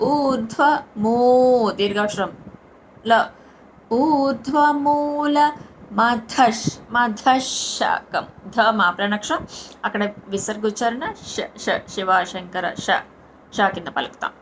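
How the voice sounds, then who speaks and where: A woman's voice: a little high, slow pace, slight background noise, poor audio. A woman with a Telugu accent teaching Sanskrit verse recitation, repeating each syllable and explaining stress and long vowels. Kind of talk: slow syllable-by-syllable chanting lesson.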